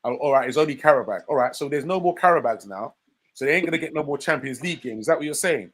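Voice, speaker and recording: A man's voice: mid-range voice, lively intonation, quick pace, a bit bright, low-quality recording. Emphatic man arguing football. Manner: emphatic, pushes his argument with rhetorical questions. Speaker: panelist. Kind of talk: casual live-stream football chat.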